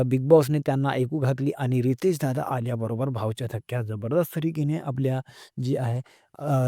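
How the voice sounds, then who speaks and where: A man casually recapping a show for his viewers, chatty and emphatic, often pausing with hesitation sounds. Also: medium pitch, mellow, no echo, clean studio sound. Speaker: entertainment recap vlogger.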